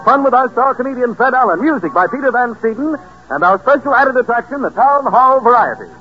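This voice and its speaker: An American man works as a 1930s radio variety announcer. His voice is very high and his delivery is showy and emphatic. Music plays behind him on a muffled vintage recording. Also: lively intonation, brisk. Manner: grandiose, emphatic showman.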